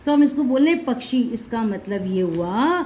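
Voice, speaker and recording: A woman's voice: a little high, big pitch swings, normal speed, a little mellow, slight background noise. A woman teaching Hindi letters to children, patiently repeating each sound and mixing in words.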